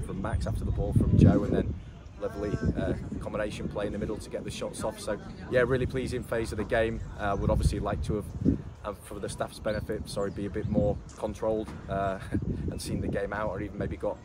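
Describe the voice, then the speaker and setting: A man, a football manager giving a post-match interview in a measured way, often saying "obviously" and restarting his phrases. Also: fairly low pitch, little pitch movement. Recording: loud outdoor noise with traffic.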